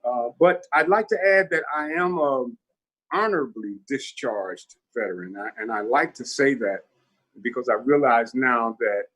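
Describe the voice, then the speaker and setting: Guest speaker, older man in his 70s, husky, candid and reflective testimony. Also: mid-range voice, animated, a bit bright, low-quality recording. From Newark, New Jersey. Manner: reflective, candid storytelling with pauses. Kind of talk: personal testimony at a virtual town hall.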